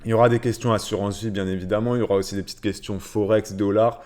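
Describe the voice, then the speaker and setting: A man's voice: lowish voice, fairly even intonation, quick pace, a little mellow. A man hosting a casual personal finance livestream, greeting viewers by name and chatting with many fillers and repeated words. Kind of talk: casual livestream chat reading viewer comments.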